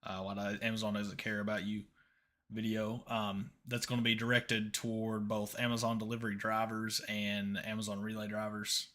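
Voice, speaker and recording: A man's voice: fairly low pitch, completely flat delivery, moderate pace, fairly bright tone. A man in his mid twenties hosting a casual live stream, chatting easily and tossing questions to viewers. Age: 20s. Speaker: livestream host.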